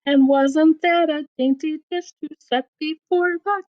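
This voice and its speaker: In dull, lo-fi sound, a woman recites rhymes for kids like a teacher would. Her voice sits high, and she tells them in an expressive, sing-song, deliberate way.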